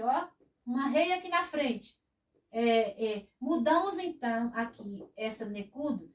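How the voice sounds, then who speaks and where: A high-pitched woman teaches a lesson at a whiteboard. She speaks patiently, repeating each word slowly and often adding a short blessing. Her voice comes from some distance away in an echoey room. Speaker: Hebrew teacher.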